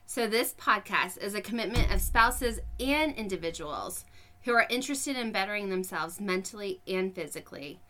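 A woman in her thirties co-hosting a podcast with her husband, upbeat and quick to laugh. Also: medium pitch, animated, sharp tone. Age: 30s. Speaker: podcast co-host. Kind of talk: casual podcast chat.

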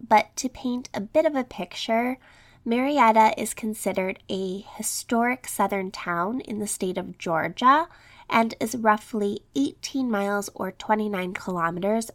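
An unhurried true crime podcast host with a fairly bright, mid-range voice narrates from a script that cites quotes and statistics. She still sounds somewhat scratchy while recovering from being sick.

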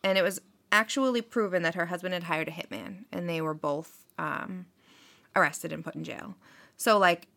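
Chatty woman with a bright edge. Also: on the low side, normal speed, creaky. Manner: chatty, filler-heavy, frequent "like" and "um". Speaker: podcast host. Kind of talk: casual true-crime storytelling.

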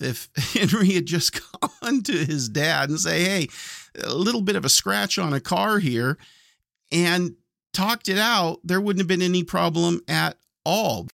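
A man's voice: fairly high pitch, vocal fry, a bit bright, no room sound, clean studio sound. A man hosting a podcast, giving casual, reflective commentary. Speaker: podcast host of classic radio comedy.

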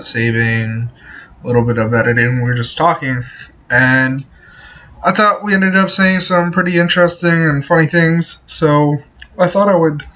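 Man on a muffled, low-quality laptop mic. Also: a bit bright. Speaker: podcast host. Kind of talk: casual off-the-cuff spoken intro. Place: at work. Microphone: built-in laptop microphone.

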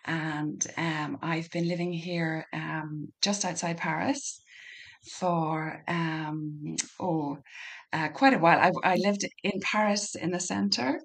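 A middle-aged woman with a west of Ireland Donegal accent, chatting casually as an interview guest and often pausing to think aloud. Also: sits low. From Donegal, northwest Ireland. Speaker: podcast guest.

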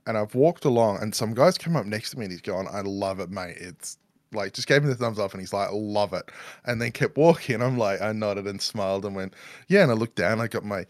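A man's voice: on the low side, fast talker, dry recording, clean studio sound. A man with a mild Australian accent, co-hosting a podcast in casual chat over a call, rambling and cutting himself off as he tells stories. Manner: rambling, self-interrupting storyteller. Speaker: podcast co-host.

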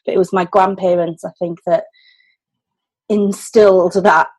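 A woman's voice: fairly low pitch, fairly even intonation, a little slow, darkish tone, husky, poor audio. A woman in her thirties with a Welsh Valleys accent, telling her story conversationally as an interview guest. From Wales, the valleys. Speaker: podcast guest, business owner.

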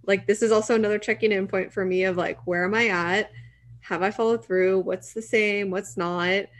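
A woman's voice: mid-range voice, fairly even intonation, normal speed. A woman in her late twenties, a podcast co-host chatting in a reflective, casual way with many filler words. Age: late 20s.

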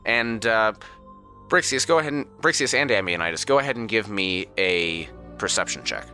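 A man running a tabletop game as game master, narrating in a relaxed, descriptive way with hesitant fillers. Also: fairly low pitch, moderate pace, soft background music.

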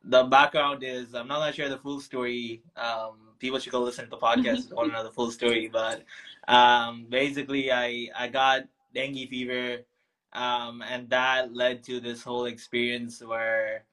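A man's voice: medium pitch, little pitch movement, moderate pace, pushed and bright, poor audio. A young man from Tanzania, a founder talking as a guest in a casual interview, reflective and full of ums and restarts. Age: young adult.

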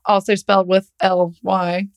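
A woman's voice: mid-range voice, flat delivery, a little slow. A woman co-hosting a podcast, joking and swearing freely as she reads out game steps and notes. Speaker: podcast co-host. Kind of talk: casual chat.

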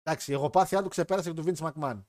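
A man's voice: fairly high pitch, darkish tone. A man hosting a live wrestling chat stream, talking in a joking, rambling way. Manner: chatty, joking, rambling with restarts. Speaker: wrestling podcast host.

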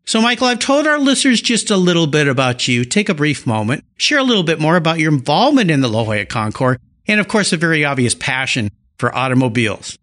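A man's voice: on the high side, sing-song, quick pace, fairly bright tone. A man from California hosting a casual interview, enthusiastic and full of playful car puns. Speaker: podcast host.

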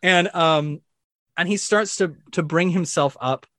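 A man narrating a tabletop game as dungeon master, telling the action vividly and excitedly, with sound effects. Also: a little high, a little slow, dry recording, studio quality.

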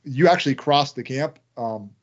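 A man's voice: medium pitch, moderate pace. A man co-hosting a casual podcast, with a mid-range voice and loose, chatty phrasing full of "like." The recording has a dull, lo-fi quality. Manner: chatty, fills speech with "like". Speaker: podcast co-host. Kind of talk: casual chat. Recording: dull lo-fi sound.

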